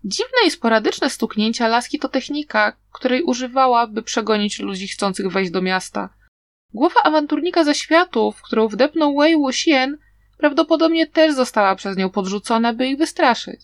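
A woman's voice: on the high side, expressive, normal speed, no room sound, studio quality. Woman narrating an audiobook. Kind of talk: audiobook reading.

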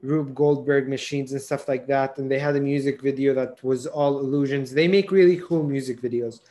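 A young man, co-hosting a podcast in relaxed casual chat, laughing often and dropping fillers. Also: medium pitch, moderate pace. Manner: laughs easily, mixes in Arabic fillers. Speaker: podcast co-host.

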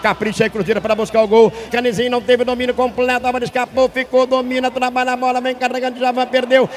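A Brazilian man giving urgent, shouted play-by-play and explosive goal commentary. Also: very high voice, level tone, quick pace, slight background noise.

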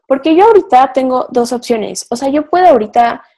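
Her voice is high, expressive, and dark-toned, and she talks briskly. She's a young adult co-hosting a podcast, wandering through loose philosophical musings full of filler words.

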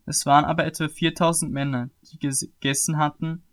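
A man reading scripture aloud as narrator, with steady, measured narration. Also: a little high, no room sound. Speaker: scripture reader.

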